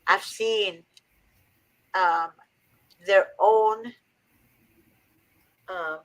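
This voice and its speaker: A woman's voice: mid-range voice, steady tone, extremely slow, poor audio. Earnest preachy woman from Egypt. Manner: earnest, preachy, emphatic repetition. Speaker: host. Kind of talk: faith-based advice talk.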